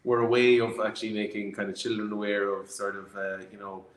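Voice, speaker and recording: Low-voiced Irish storyteller in an echoey room. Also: male voice, fairly even intonation. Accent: Irish, west of Ireland. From Galway, Ireland. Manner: hesitant, reflective storytelling with many pauses. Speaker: distillery founder being interviewed. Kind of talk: conversational storytelling. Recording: roomy, echoey sound.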